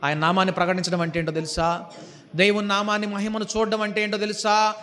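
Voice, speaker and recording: High-voiced fervent male preacher. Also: flat delivery, fast. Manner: swinging from high fervent pleading to low quiet asides; preaching with repeated rhetorical questions. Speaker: pastor. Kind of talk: sermon.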